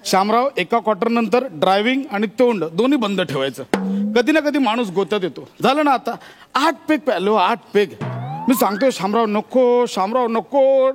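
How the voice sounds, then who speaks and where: A man's voice: sits high, lively intonation, moderate pace. A man playing a sly middle-aged drinking buddy who rambles and keeps blurting out secrets he pretends to keep. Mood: rambling. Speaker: patient's friend and drinking buddy. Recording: loud music in the background. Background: loud music.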